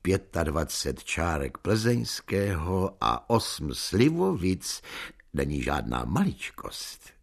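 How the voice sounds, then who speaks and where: A man's voice: low voice, sing-song, vocal fry, exaggerated voice. A man reading aloud, voicing a cheeky, red-faced hotel waiter who is deferential but impudent toward a hungover guest. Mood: bantering. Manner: deferential yet impudent, addressing his guest as "vašnosto".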